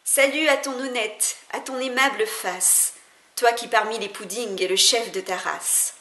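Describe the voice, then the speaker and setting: A woman reading a translated poem aloud in a theatrical recitation, her voice swelling louder on the exclamations. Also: a little high, measured pace. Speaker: poetry reader. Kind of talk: dramatic poetry recitation. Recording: echoey room.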